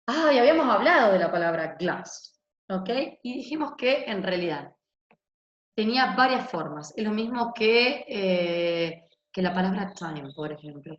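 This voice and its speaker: Woman teaching english, says "ok?" nonstop, echoey dull laptop mic sound. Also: mid-range voice. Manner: explains in Spanish, tags most lines with "ok?". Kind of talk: recorded online class explanation. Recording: echoey room, dull lo-fi sound, faint hiss.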